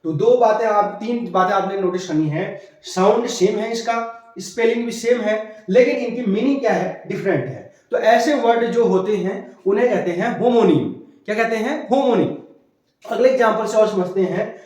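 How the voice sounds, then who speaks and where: Male grammar teacher, high voice, very roomy echo, walks through each point with self-answered questions. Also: normal speed, a little mellow. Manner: explains step by step with rhetorical questions. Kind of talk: classroom-style lesson. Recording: very echoey room.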